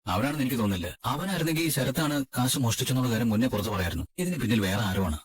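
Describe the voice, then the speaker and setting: A man's voice: medium pitch, lively intonation, husky. A man dubbing an earnest protective big brother. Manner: rapid, earnest persuading. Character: protective elder brother figure, earnest and worried. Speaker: dub voice actor. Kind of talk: fan dub of a TV serial.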